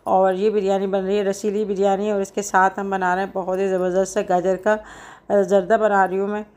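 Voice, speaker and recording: A middle-aged woman talks through her home cooking vlog in a chatty, rambling way, full of small fillers. Her pitch stays level and flat. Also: brisk. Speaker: cooking vlogger. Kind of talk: casual home vlog chat.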